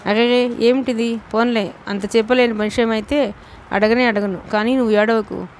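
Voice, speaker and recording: A woman reading an audiobook novel, voicing a caring young man who speaks softly and coaxingly. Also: on the high side, steady tone, moderate pace, a little hiss or hum, lightly acted. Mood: soothing. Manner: soft, soothing, coaxing. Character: caring young man, gentle and protective cousin.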